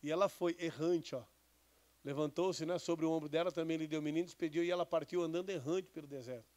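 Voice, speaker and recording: Man, bishop, conversational sermon, slightly high voice. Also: fairly even intonation, fast, darkish tone. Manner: conversational preaching, asks the congregation questions. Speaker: bishop preaching. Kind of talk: sermon with Bible reading.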